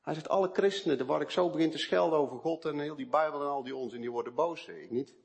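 Preaching from his own experience, this man alternates soft, hushed narration with emphatic bursts. He speaks quickly, and his pitch runs somewhat high.

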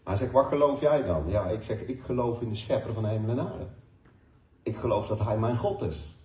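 A man in his forties preaches a sermon with a dark, mellow voice and lively rises and falls in pitch. He speaks earnestly and pauses with hesitations as he retells conversations. The recording is dull and distant, in an echoey room. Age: 40s. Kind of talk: sermon with personal stories.

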